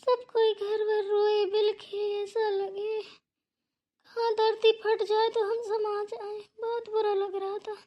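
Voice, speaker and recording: A woman's voice: very high-pitched, flat delivery, slow pace, muffled recording. Woman voicing a worried village daughter-in-law. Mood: grieving. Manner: plaintive, scolding when provoked. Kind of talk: cartoon voice acting.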